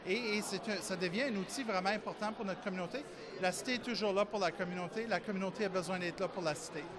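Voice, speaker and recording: High-voiced man, upbeat over a crowd. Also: fast. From southern Ontario. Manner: upbeat, searching for words. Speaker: foundation director general. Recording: gala crowd outdoors.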